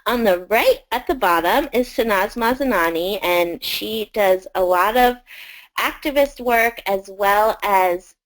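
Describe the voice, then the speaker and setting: A woman's voice: mid-range voice, measured pace, rough recording. A woman presenting a collection of arts education videos to teachers, in a conversational way with frequent fillers.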